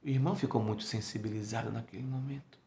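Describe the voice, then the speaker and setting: A male lecturer who tells a story dramatically and acts out the voices. His voice is gravelly. It sounds muffled in an echoey room. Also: mid-range voice, steady tone, quick pace, warm tone, slight background noise. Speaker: spiritist lecturer.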